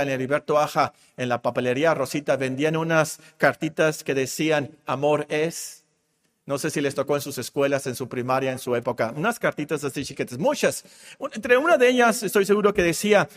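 A man's voice: on the high side, a bit bright, big-room sound. A man preaching a sermon to his congregation, reading scripture aloud and explaining it as he goes. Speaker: pastor.

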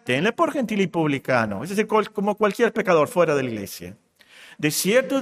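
A man's voice: high voice, big-room sound. A man preaching a sermon to his congregation, reading scripture aloud and explaining it as he goes. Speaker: pastor.

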